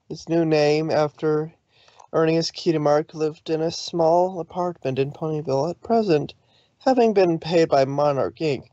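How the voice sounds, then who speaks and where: Deep and dark-toned, a woman's voice reads fan fiction aloud and chats casually as an informal host, with no room sound. The recording comes from a dull, dry lo-fi microphone.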